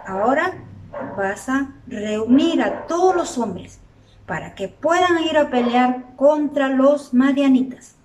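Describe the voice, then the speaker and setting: A woman voicing God giving slow, deliberate instructions in a children's story. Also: sits high, lively intonation, a little mellow, slight background noise. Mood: commanding. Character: God giving commands, steady and firm. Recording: roomy echo, from off the mic.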